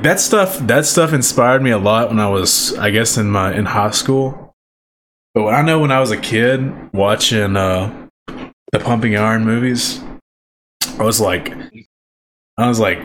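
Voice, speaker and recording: A man's voice: lowish voice, a bit bright, slight background noise. Slangy young man on a podcast. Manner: rambling, slangy, says "bro" a lot. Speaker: podcast co-host. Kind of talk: casual chat.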